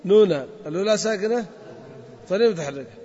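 Teacher guy, high voice, quizzing the class, dull muffled audio with a long echo. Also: lively intonation, rapid-fire, dark tone. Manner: drills students with questions, drawls out example words. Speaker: grammar teacher. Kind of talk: classroom lesson.

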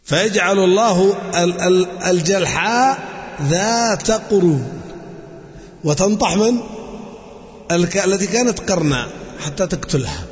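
A man preaching a sermon with passion, mixing everyday speech with classical quotations and swinging sharply between loud and hushed. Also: animated, measured pace, long pauses. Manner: impassioned, rises and drops sharply in pitch. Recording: echoey hall, dull lo-fi sound.

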